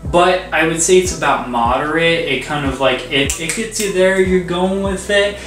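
A man's voice: on the high side, normal speed, fairly bright tone, faint music behind. A man in his twenties chatting casually and emphatically in slangy bro talk as he co-hosts a review. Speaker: whiskey reviewer, co-host. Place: small room with home bar, indoors. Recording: roomy echo, slightly distant mic.

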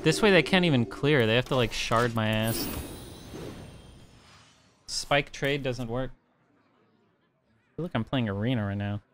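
A man calmly commentating his own card game, his voice sitting at an ordinary middle pitch. He thinks aloud in a loose, unhurried way, dropping fillers as he weighs each move, with a faint hiss of noise behind him. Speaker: streamer playing a card game. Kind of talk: casual gameplay commentary.

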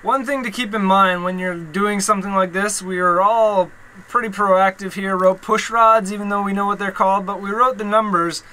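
A man's voice: high-pitched, steady tone, moderate pace, sharp tone, rough recording. A man casually narrating how he rebuilds a boat engine, chatty and self-deprecating, working in a cramped engine bay below deck.

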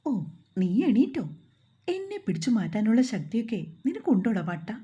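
Brief: sneering storybook bully , read by a woman, dark husky tone. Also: a little high, very animated, moderate pace, muffled recording. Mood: menacing. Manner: sneering, menacing. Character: cruel young man, mocking bully.

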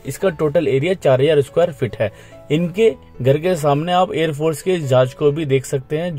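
A man's voice: fairly high pitch, a little mellow. A man giving a scripted, informative tour-guide voice-over for a travel vlog. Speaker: travel vlogger.

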